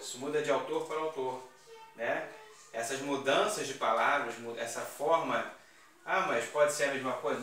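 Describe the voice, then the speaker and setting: A man gives an exam-prep grammar lesson. His delivery is casual and emphatic, with slang and asides to the students. His tone is bright and forceful, and a heavy room echo surrounds every word. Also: mid-range voice. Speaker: Portuguese teacher. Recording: very echoey classroom.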